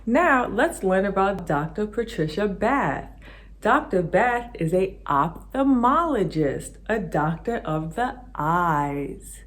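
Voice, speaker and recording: A children's show host with a mid-range voice and big swings in pitch reads a rhyming picture book aloud, slow and rhythmic. She also leads the kids in games, sounding bright and sing-song like a teacher.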